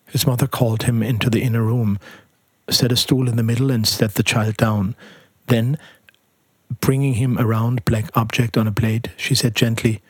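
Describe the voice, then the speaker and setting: A man narrating a story in a measured, even reading. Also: mid-range voice, slightly rough, no echo. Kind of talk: scripted audiobook narration.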